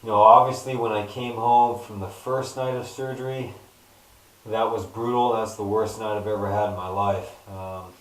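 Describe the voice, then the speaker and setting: Man in echoey room, distant mic. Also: fairly low pitch. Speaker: vlogger recounting own surgery recovery. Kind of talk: casual first-person health vlog talk. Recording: roomy echo, distant microphone.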